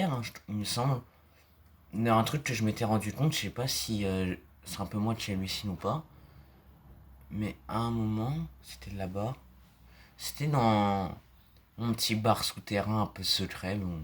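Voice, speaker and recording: Low-voiced man rambling over gameplay. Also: husky. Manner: rambling, full of fillers, drifts into low murmurs. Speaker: gaming video creator. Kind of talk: casual gameplay commentary. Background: mouse and keyboard clicks.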